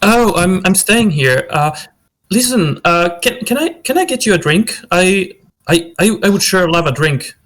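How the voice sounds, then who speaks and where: Brief: a man doing a nervous, babbling old friend, eager and rushed. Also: high-pitched, animated, fairly bright tone, voice pushed up.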